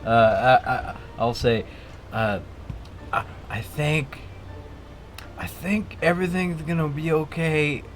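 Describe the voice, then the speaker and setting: A man playing a tabletop game, chatting casually in character with a halting, stammering delivery. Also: a little high, soft background music. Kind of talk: casual in-character improvised chat.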